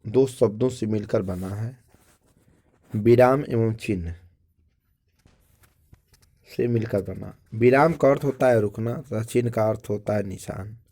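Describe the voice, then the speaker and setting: A man's voice: on the low side, a little slow, pauses often, dark tone. A man teaching a school grammar lesson to children, explaining step by step, repeating phrases and checking in with the class.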